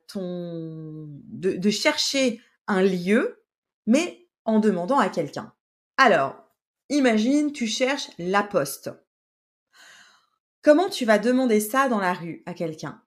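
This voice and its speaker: A woman hosting a language-lesson podcast, talking straight to the listener in a patient way with many hesitations. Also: medium pitch. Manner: speaks directly to the learner. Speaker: French teacher and podcast host.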